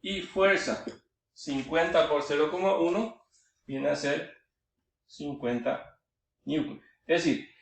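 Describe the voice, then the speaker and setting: Guy teaching a physics lesson, kinda high voice, repeats himself doing the math, echoey far-off mic. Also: slow, vocal fry, pauses often. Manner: step-by-step, repeats words while working out sums. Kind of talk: physics lecture.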